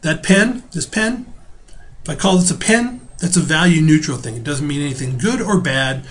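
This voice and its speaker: A middle-aged man teaching a relaxed recorded video lecture from home, talking casually with fillers and restarts. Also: a little high. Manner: spells out terms slowly.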